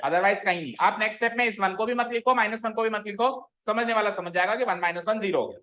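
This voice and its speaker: A male maths teacher explains each step of a solution to his class. He talks informally, mixes English terms into his speech, and keeps pausing to ask whether anyone is stuck. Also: high-pitched, pushed and bright, low-quality recording. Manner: checks often for doubts, informal Hindi-English mix. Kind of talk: online class lecture.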